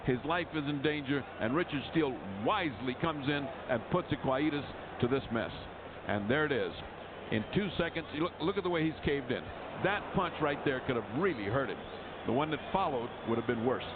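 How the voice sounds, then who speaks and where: A man's voice: medium pitch, expressive, fairly quick. Male fight analyst, emphatic and opinionated, narrow phone-like broadcast sound with heavy noise behind. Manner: emphatic, opinionated, repeats phrases for effect. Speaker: boxing colour commentator. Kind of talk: live fight commentary and analysis.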